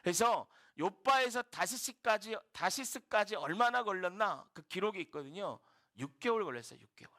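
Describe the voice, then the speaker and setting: A male pastor giving a sermon as vivid, expressive storytelling. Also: high voice, moderate pace.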